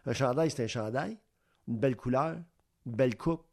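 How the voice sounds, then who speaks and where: A man's voice: medium pitch, normal speed, vocal fry, a little mellow. A man with a Quebec French accent, hosting a sports radio show and rambling through an opinion monologue full of rhetorical questions. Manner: rambling, asks rhetorical questions, acts out little exchanges.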